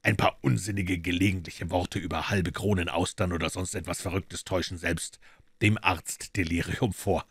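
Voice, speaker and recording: Man reading as a calm clever detective, deep voice, dry sound, measured, audiobook. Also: breathy edge, no room sound. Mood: explaining.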